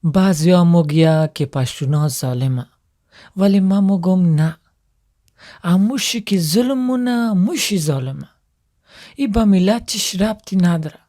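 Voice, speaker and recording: A speaker giving a calm, earnest closing message. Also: mid-range voice. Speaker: sketch narrator.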